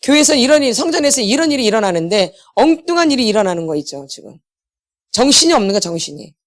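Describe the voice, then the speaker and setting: A woman's voice: fairly high pitch, very animated, quick pace. A middle-aged woman preaching to her congregation. She keeps asking them questions and answers them herself. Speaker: pastor's wife leading a healing meeting. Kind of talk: sermon.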